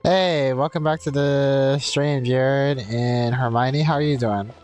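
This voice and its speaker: Over game music, a man on a livestream rambles informally, chatting and reading the game's text aloud. He speaks slowly in a mid-range voice that is smooth and a little mellow.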